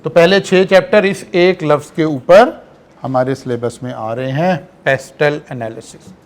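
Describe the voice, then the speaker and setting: High-voiced male lecturer. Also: a little slow. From Pakistan. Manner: explanatory, checks in with rhetorical questions. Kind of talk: online classroom lecture.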